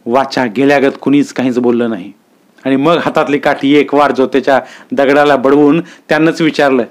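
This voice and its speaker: A man reading a village story aloud in a steady, unhurried storybook manner. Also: medium pitch.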